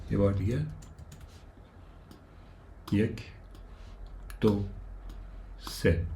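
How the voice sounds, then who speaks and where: A man's voice: fairly low pitch, dark tone, a little hiss or hum. A man teaching a step-by-step Japanese lesson, counting the strokes aloud and repeating each syllable for learners to copy.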